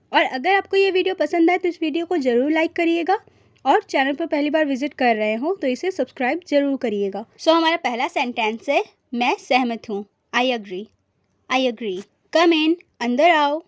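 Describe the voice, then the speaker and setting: A young woman teaching an English lesson, reading each short phrase slowly and then repeating it. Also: sits high, no room sound, dull audio. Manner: slow, deliberate repetition of short phrases.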